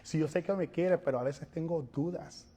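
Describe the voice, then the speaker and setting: A male pastor preaching a sermon, animated, moving between quiet asides and loud calls, and acting out little scenes. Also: a little high, moderate pace, long reverb tail, a little hiss or hum. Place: church sanctuary.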